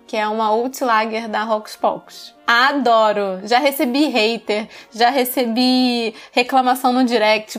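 A woman with a heavy Carioca accent chats casually and eagerly on a podcast. Her voice sits a bit high. Soft music plays faintly behind her. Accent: Carioca Brazilian Portuguese. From Rio de Janeiro, Brazil. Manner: chatty and enthusiastic. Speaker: podcast co-host.

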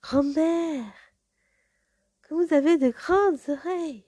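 A woman voicing a little girl in a storybook tale, in a high, childlike tone. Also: slow, mellow, no room sound, clean studio sound. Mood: wondering.

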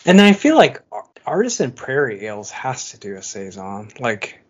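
A man's voice: medium pitch, big pitch swings, normal speed, highs cut off. A man co-hosting a podcast in casual chat, talking loosely with many fillers and frequent laughs. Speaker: podcast co-host.

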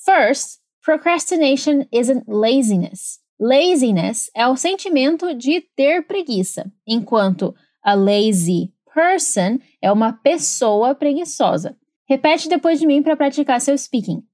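Woman teaching English, bright and dry. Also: high-pitched, expressive, no echo. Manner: switches between slow careful English and fast Portuguese. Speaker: English teacher and podcast host. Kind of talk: bilingual language lesson.

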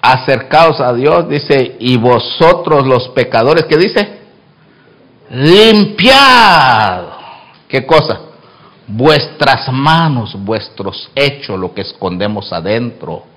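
A man preaching a sermon as pastor in church, swinging from hushed asides to loud exclamations and acting out both sides of the dialogues he tells. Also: mid-range voice, lively intonation, slow pace.

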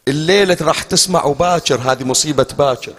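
A man's voice: fairly high pitch, quick pace, a bit bright. A man delivering an emotional mourning sermon as a preacher, slipping into chanted lament.

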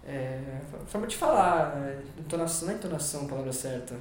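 A man's voice: on the high side, lively intonation, fast talker, heavy reverb, slight background noise. A Brazilian man chatting as a podcast guest, rambling and restarting sentences as he searches for words. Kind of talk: casual podcast conversation.

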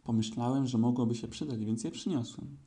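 A man voicing a gentle, simple-minded teddy bear in a storybook reading, speaking plainly and hesitantly. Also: lowish voice, lively intonation, brisk.

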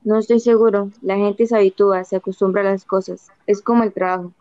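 A woman's voice: medium pitch, brisk, clear, resonant tone, no room sound, dull audio, natural voice. A woman voicing a weary, evasive old husband. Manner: tired, flat, dodging answers. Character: weary evasive husband of fifty-six, man. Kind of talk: audiobook dialogue reading.

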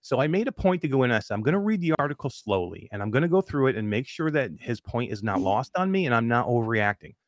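A man co-hosting a casual chat show, talking in animated rants and often breaking off mid-sentence. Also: medium pitch, fast talker, few pauses, no echo, clean studio sound. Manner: animated, ranting, self-interrupting. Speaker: podcast co-host.

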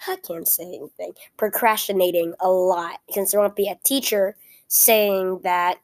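A young woman, sick and weak-voiced, talking casually and haltingly as she hosts a solo student podcast from home. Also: mid-range voice, steady tone. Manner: halting, self-correcting, apologetic.

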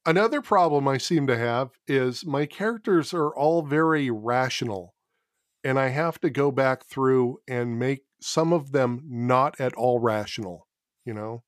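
A man's voice: medium pitch, measured pace, no echo. Chatty man, dry close sound. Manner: chuckles often, mocks his own verbal habits. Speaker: guest author. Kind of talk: casual podcast chat.

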